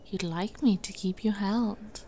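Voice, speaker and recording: An ASMR role-play with a woman as an imperious princess hypnotist, coaxing and controlling. The voice is soft, mellow and very slow, murmured right into your ear over faint background noise. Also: mid-range voice, steady tone, lightly acted. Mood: soothing, hypnotic.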